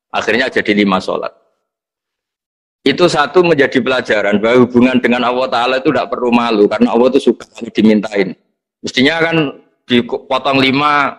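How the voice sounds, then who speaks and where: A man preaching a sermon, reciting Arabic texts and explaining them slowly in plain talk. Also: medium pitch, fairly bright tone. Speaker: Islamic preacher. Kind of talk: sermon with text reading.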